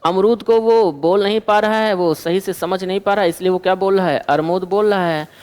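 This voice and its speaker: Man teaching a lecture, high voice, asks and answers his own questions, long reverb of a classroom. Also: steady tone, fairly quick, a little mellow, clear, resonant tone. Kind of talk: exam-prep lecture.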